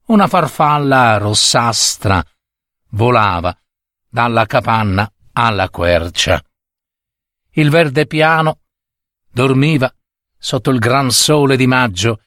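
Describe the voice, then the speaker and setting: A man narrating a story in a measured, deliberate reading voice. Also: medium pitch, lively intonation, a bit bright, no room sound, studio quality.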